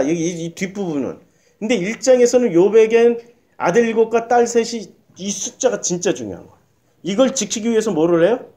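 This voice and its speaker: Guy pastor preaching in church, pretty high voice, keeps firing questions at the congregation. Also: a little mellow. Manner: emphatic, repetitive rhetorical questions to the congregation. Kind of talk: sermon.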